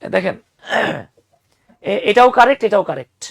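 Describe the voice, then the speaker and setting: Young man, English tutor, high voice, dry recording, teasing, patient. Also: moderate pace, vocal fry, no room sound. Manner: lively, teasing, explains patiently with examples. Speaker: English teacher. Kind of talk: online spoken English class.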